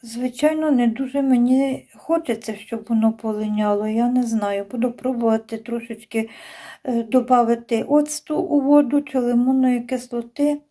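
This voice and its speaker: A woman vlogging about her knitting at home, chatting to viewers in an unhurried way with many fillers and restarts. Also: fairly high pitch, dark tone. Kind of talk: casual chat to viewers. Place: home, indoors by a window.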